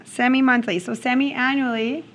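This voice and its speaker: A woman's voice: high voice, fairly even intonation, moderate pace, a bit bright. A woman teaching math to a class in a classroom, working problems aloud and often checking in with "okay?". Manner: checks in with questions, frequent "okay?". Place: classroom with students.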